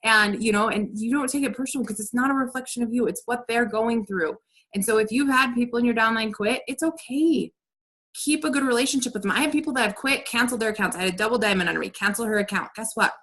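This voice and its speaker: A woman's voice: fairly high pitch, fast, a bit bright. A woman leading a team training over a video call, talking in a direct, upbeat coaching way. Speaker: team leader.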